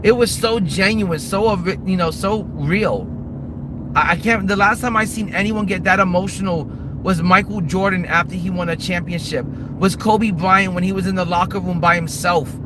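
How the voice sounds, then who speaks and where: A man chats loosely on a livestream while driving, rambling and repeating himself. His voice sits high. Clear car and road noise runs under him the whole time. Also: moderate pace. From New York, Manhattan. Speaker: streamer. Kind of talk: casual live-stream chat. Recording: noisy car interior.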